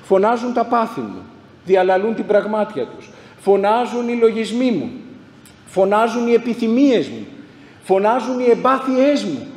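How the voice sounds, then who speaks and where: A man's voice: high voice, expressive, a little mellow. A man, a priest, preaching a sermon in a church, asking rhetorical questions and answering them himself in emphatic repeated lists. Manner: rhetorical, asks and answers his own questions. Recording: echoey church hall, faint background hum.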